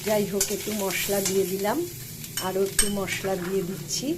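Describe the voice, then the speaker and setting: Chatty woman cooking over loud sizzling. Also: mid-range voice, flat delivery, brisk. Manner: chatty, explains each step as she cooks. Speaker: cooking channel host. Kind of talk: casual cooking demonstration. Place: home kitchen. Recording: loud kitchen frying noise. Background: sizzling frying and clattering pots.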